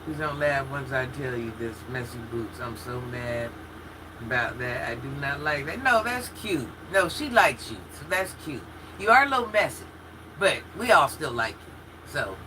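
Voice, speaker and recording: A woman's voice: rumbling low, lively intonation, moderate pace, noisy background. Chatty woman in her fifties, humming room. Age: 50s. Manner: chatty and candid, talks straight to chat with frequent laughs and restarts. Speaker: livestream host reading viewer comments. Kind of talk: casual chat.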